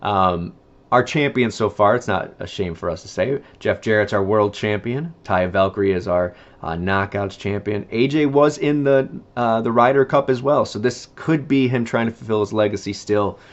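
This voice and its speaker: A male host talks through a casual recap. His voice sits on the low side, and the audio is a little dull. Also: moderate pace.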